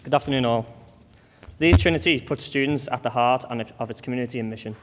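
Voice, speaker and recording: A young man from the students' union introduces the next speaker at a graduation ceremony. He hurries through his prepared lines at a very fast clip. The big hall adds a long reverb tail. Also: mid-range voice, background noise. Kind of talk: short formal introduction.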